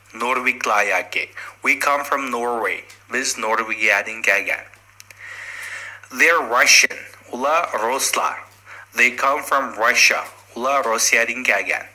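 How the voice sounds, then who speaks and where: A man teaching a language lesson, reading example sentences slowly and then explaining them in quick runs with fillers. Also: medium pitch, bright, forceful tone, rough recording. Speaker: English teacher.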